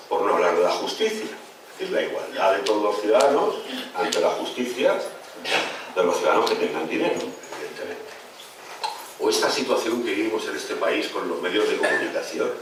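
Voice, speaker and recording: A man's voice: lowish voice, a bit bright, slight background noise. Impassioned man giving a rally speech. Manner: impassioned, sarcastic, rhetorical questions. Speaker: political speaker at a rally. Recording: echoey hall, mic far off.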